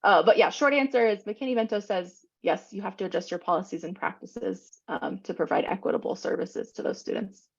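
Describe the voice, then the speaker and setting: A woman presents a training session over a video call, talking fast and loosely, with plenty of "um"s. Her voice is gravelly and husky, and the call audio sounds muffled and dull. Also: mid-range voice. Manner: quick, informal explaining with many fillers. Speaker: presenter on special education law.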